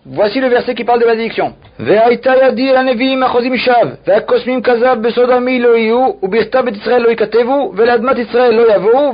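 High-voiced man teaching a religious text. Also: highs cut off. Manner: reads the Aramaic phrase by phrase, then explains in French. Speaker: Talmud teacher. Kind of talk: reading and translating a religious text.

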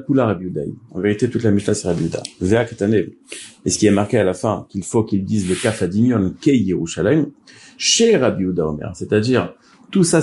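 A man's voice: lowish voice, a little mellow. A man teaching a daily Talmud class, explaining step by step and mixing Hebrew and Aramaic terms into his speech.

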